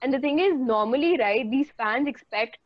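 A young woman in casual chat as a co-host, animated and filling her talk with "like". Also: sits high, moderate pace, dry recording, dull audio. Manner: animated, says "like" a lot.

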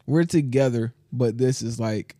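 A man's voice: medium pitch, measured pace, dark tone, dry recording. A young man co-hosting a podcast, telling a rambling story in casual chat with restarts and laughs. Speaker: podcast co-host.

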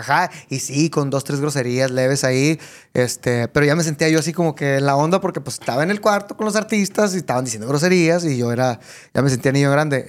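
A man hosting a casual chat with his father, telling lively childhood anecdotes. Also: fairly high pitch. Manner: lively anecdote teller, acts out quotes.

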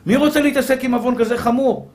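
A man's voice: extremely high pitch, darkish tone. A man, a rabbi, preaching a fervent sermon that repeats its points, stumbles on restarts and calls his listeners brothers.

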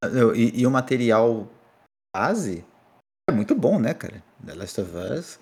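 A man co-hosting a podcast in casual chat, relaxed and quick to laugh. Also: medium pitch, breathy edge. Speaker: podcast co-host.

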